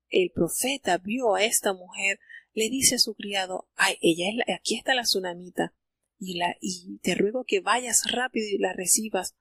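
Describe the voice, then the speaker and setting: A woman teaching on a live Bible reading program, retelling the scripture as a story and quoting the characters' dialogue in an unhurried way. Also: medium pitch, bright, forceful tone, slightly rough, no room sound. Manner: unhurried, with frequent fillers and restarts.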